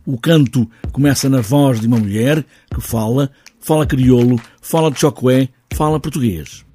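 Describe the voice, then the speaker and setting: Mellow-voiced man narrating a news report. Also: mid-range voice, normal speed.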